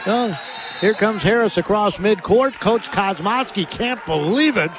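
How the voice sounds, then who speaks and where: A man with a high, bright voice calls a college basketball game for radio. He reads out scores and stats quickly and breaks into shouts when the big shots fall. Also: crowd noise. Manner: rapid excited calling, shouting on big plays. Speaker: play-by-play announcer. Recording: radio broadcast.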